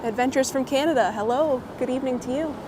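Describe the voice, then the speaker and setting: Walking down a windy city street, this live-streaming vlogger talks quickly in a high voice, a little hoarse as she recovers from a cold. She's friendly, laughs a lot, and calls out viewers by name. The clip-on mic on her coat also catches city traffic and wind.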